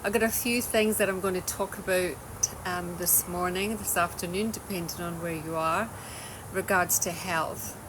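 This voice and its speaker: A woman with a fairly low, fairly even voice speaks at normal speed on a livestream, with a noisy background. She's a Scottish wellness coach at home in Australia, casual and chatty, who often restarts what she's saying.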